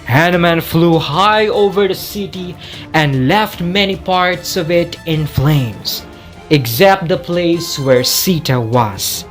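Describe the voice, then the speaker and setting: Storybook narration, very slow, mid pitch, faint background music. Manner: slow, measured.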